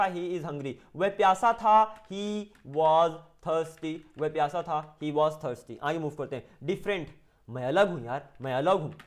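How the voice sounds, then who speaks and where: An Indian man teaching spoken English, who gives a Hindi line and then says the English sentence slowly several times. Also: high voice.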